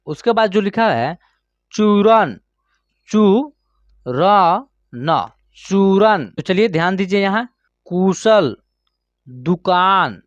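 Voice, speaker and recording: A man with a high voice leads a slow online reading lesson, stretching each word out syllable by syllable and pausing to check his students follow. The sound is dry and a little dull, with no room echo. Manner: slow, drawn-out word-by-word pronunciation with frequent check-ins. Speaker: Hindi reading teacher.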